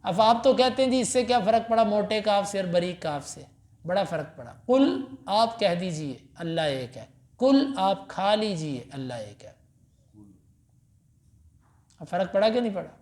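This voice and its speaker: A man from Pakistan, a mufti giving a Quran lesson after evening prayer, emphatic, reciting Arabic verses slowly and then explaining them. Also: high voice, darkish tone. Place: mosque. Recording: echoey mosque hall.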